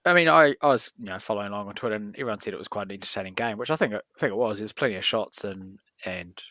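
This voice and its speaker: A lowish man talks quickly but hesitantly on a football podcast, full of "you know" and "um". His audio is dull and lo-fi, dry, from a remote mic. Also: bright, forceful tone, no room sound. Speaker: podcast co-host. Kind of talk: casual sports podcast chat.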